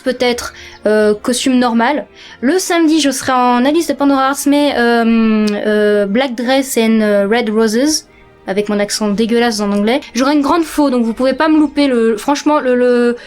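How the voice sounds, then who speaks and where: Chatty teenage girl, slightly high voice. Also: a little mellow. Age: late teens. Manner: chatty, hesitant, many fillers. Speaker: vlogger. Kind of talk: casual vlog chat. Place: her bedroom.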